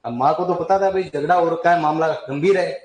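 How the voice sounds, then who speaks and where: A man tells a folk legend to a class, chatty, with asides and questions to the students and frequent throat clearing. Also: on the high side, a little fast, reverberant, poor audio. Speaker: teacher. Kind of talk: storytelling lesson on folk deities.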